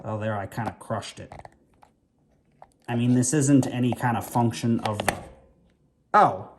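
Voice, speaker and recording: A man's voice: mid-range voice, unhurried, background noise. A man giving a casual hands-on toy review indoors at home. He talks in a chatty, rambling way and thinks aloud while he works with his hands.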